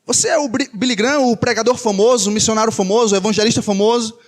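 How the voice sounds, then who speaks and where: A man's voice: high voice, steady tone, fast, big-room sound, natural voice. A man with a Brazilian Portuguese accent voicing a fawning drunk man in a sermon anecdote, stumbling over his words.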